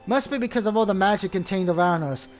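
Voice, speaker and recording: A man doing a proud young female knight, self-assured, high-pitched, soft background music. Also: fast talker, natural voice.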